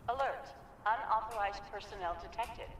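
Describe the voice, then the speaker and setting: A woman voicing a calm female automated alarm system of a facility, making formal, measured announcements over an outdoor loudspeaker. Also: medium pitch. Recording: echoey loudspeaker heard from far off, faint noise.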